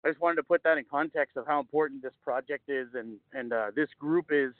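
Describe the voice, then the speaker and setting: A man's voice: fairly high pitch, a little fast, no room sound. A man from a fire department, his voice muffled through a face mask, speaking hesitantly with many fillers during a public meeting call. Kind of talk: halting public comment on a call. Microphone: call-in or video call audio. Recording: tinny phone-like line, dry.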